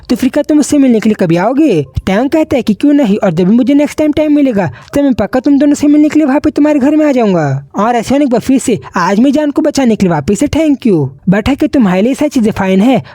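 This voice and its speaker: Rapid-fire woman recapping a comic story. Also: fairly high pitch, warm tone, no room sound, clean studio sound. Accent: Hindi. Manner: rapid storytelling with mixed English words and repeated "कि" links. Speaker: manhwa recap narrator. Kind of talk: fast retelling of a comic story.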